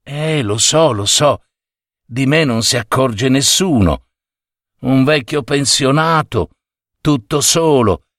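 A man voicing a lonely, kindly old pensioner who speaks softly with a chuckle. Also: mid-range voice, lively intonation, slow pace, no room sound, clean studio sound.

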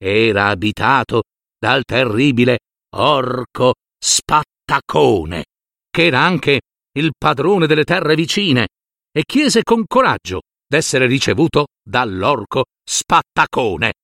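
Expressive male storyteller, swooping pitch. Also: gravelly, dry recording, studio quality. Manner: expressive, with dramatic swings of pitch and slowed key words. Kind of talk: scripted fairy-tale narration.

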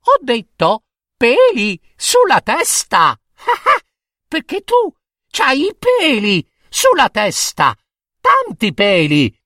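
A man's voice: extremely high pitch, huge pitch swings, extremely slow, sharp tone, no echo, clean studio sound, pitched above the performer's own voice, heavily acted. A man doing a cheeky little princess. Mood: teasing. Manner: sing-song teasing rhymes. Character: cheeky little princess girl, bold and teasing.

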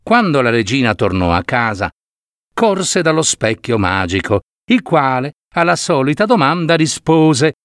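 A man reading a fairy tale aloud, with expressive, unhurried storytelling. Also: medium pitch, no room sound, clean studio sound.

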